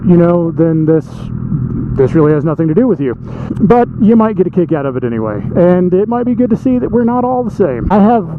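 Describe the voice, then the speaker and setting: A man's voice: high-pitched, big pitch swings, brisk. A man rambling and thinking aloud in a casual, emphatic vlog monologue, speaking inside a helmet as he rides a motorcycle. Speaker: motovlog host. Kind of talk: casual opinionated monologue while riding a motorcycle. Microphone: microphone inside a motorcycle helmet. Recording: muffled helmet mic, thin band, loud engine and road noise.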